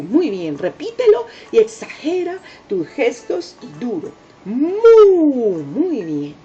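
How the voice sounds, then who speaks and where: A woman teaching young children letter sounds, drawing out each syllable, praising often and coaxing them to repeat. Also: medium pitch. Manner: drawn-out sounds, sing-song praise, coaxing repetition. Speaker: preschool teacher. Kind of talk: slow, exaggerated phonics lesson for young children. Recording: dull lo-fi home recording with soft music.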